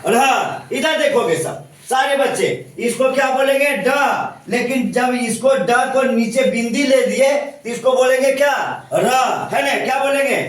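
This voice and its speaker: A male teacher with a very high voice runs a grammar lesson, repeatedly questioning the students and checking that they follow. He speaks at a normal speed with hardly any pauses. The recording catches him from far away in a very echoey room.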